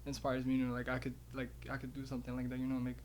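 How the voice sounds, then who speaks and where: A man from Morocco talking in a casual radio interview, hesitant and filling pauses with like. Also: mid-range voice, slight background noise. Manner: hesitant, many likes, flat delivery. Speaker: interview guest. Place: radio studio.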